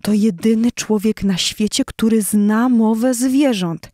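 Brief: fierce lioness mother, scolding and roaring, high and loud, read by a woman. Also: unhurried, dry recording, studio quality, close to an everyday voice. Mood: furious.

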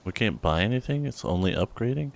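A man's voice: lowish voice, lively intonation, fairly quick, creaky, a little hiss or hum. A man giving laid-back, rambling commentary while playing a video game. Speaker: let's play host. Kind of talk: casual gameplay commentary.

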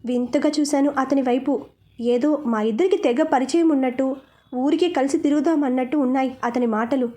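A woman narrating a heartfelt romance in the first person, with feeling in every line. Her voice sits high and sounds soft and mellow rather than bright. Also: normal speed. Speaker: story narrator. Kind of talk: scripted storytelling narration.

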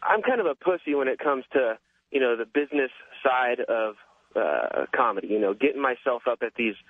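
A male caller who grew up in Japan talks in a hesitant, rambling way, filling his pauses with uhs. His voice sits at an ordinary middle pitch. He comes through a narrow, tinny phone line with a dry sound. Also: lively intonation, no echo. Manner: hesitant, rambling, full of fillers. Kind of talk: phone-in conversation.

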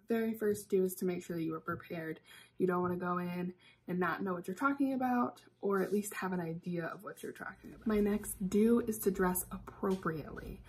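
A young woman with an American accent, a youth club staff member giving an upbeat, expressive instructional talk to young people, with some ums along the way. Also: medium pitch, low-quality recording.

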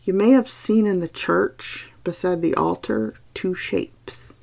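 A woman voicing an old peasant housekeeper woman who is placid and superstitious, speaking slowly in a hushed rural dialect. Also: on the low side, steady tone, vocal fry. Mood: hushed ominous.

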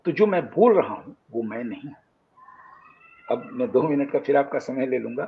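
Man lecturing on philosophy, gravelly voice, slow sanskrit recitation, kinda dull lo-fi sound. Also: mid-range voice, lively intonation. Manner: lecturing, recites Sanskrit verses slowly, mixes in English. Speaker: guest scholar of Indian philosophy. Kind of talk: explanatory discourse in an interview.

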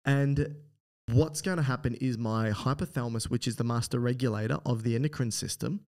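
Aussie doctor guy on a podcast, middle pitch, joking around while he explains stuff. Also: fairly quick, a little mellow. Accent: Australian. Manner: playful, explains with vivid scenarios. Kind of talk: casual educational chat.

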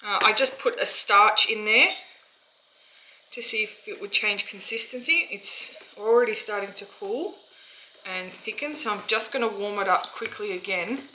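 This Australian vlogger, a woman in roughly her thirties who owns a small soap business, has a medium-pitched, sharp-toned voice at a moderate pace. She talks informally and thinks aloud as she demonstrates a craft for a casual how-to vlog in a small indoor home workshop. The audio is poor, with clear background noise and clattering pots and dishes.

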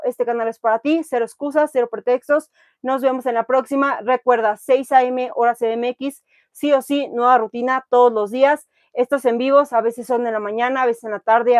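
A woman's voice: on the high side, no echo, studio quality. A young woman, coaching a live workout stream from her bedroom, guiding breathing counts and then chatting with viewers. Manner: calm guided counting during breathing; upbeat encouraging sign-off. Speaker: fitness instructor. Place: bedroom with pink curtains, indoors. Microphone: clip-on lapel mic.

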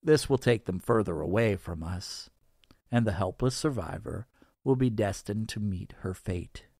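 Slow gravelly man narrating a story. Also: no echo, studio quality. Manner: slow, weary, lively pitch. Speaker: narrator reading his novel. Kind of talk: first-person audiobook narration.

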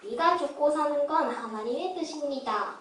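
A woman's voice: high voice, moderate pace, fairly bright tone. A woman playing a humble, sickly, pious beggar in a children's puppet play, pleading earnestly. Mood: meek, pleading. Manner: pleading, meek, earnest, declamatory. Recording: roomy, distant miking with background hiss.

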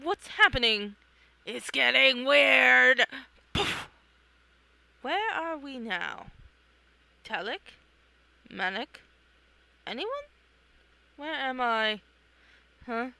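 Someone reads their own comic aloud, acting out the characters in a theatrical, exclamatory style. The voice sits high and is animated, slow, creaky, bright, forceful and clean, with frequent pauses.

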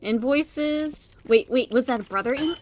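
A woman streamer chatting casually while playing, excitable and quick to react. Her voice sits on the high side. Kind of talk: casual gaming chat.

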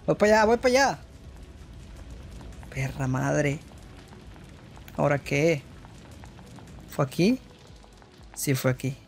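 A gamer giving casual let's play commentary, excitable and swearing often, with sudden short outbursts. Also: medium pitch, takes it slowly, creaky, long pauses, faint music behind. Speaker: gameplay commentator.

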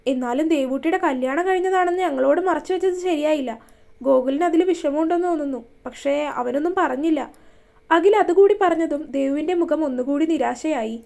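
A woman's voice: sits high, fairly quick, creaky, a little mellow. A woman reading a romance story aloud, voicing every character's dialogue in her own voice. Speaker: narrator.

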